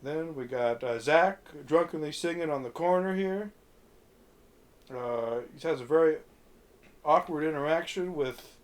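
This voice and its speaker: A man hosting a podcast, casually recapping a movie from his notes, rambling with fillers and restarts. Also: on the high side. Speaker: podcast host.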